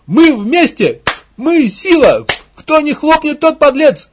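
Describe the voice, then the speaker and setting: A man's voice: very high-pitched, sing-song, slow, noisy background, voice pushed up, full character voice. A man doing a shrieking male propagandist. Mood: frenzied. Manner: frenzied chanting, screeching.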